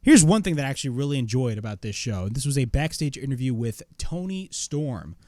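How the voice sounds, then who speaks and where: A man's voice: medium pitch, very animated, fairly quick, a little mellow, dry recording. A man reviewing a wrestling show in casual commentary, blunt, opinionated and swearing freely.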